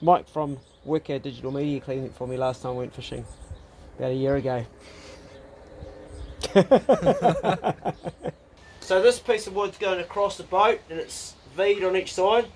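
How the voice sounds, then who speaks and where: Broad Kiwi bloke, noisy outdoor recording. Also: male voice, fairly high pitch, measured pace, long pauses. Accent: broad New Zealand. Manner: laid-back, slangy, blokey. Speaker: vlog host. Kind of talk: casual vlog chat.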